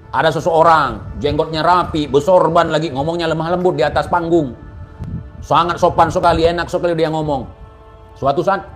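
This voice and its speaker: A man giving a heated, mocking religious commentary, swinging from quiet asides to loud outbursts. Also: high-pitched.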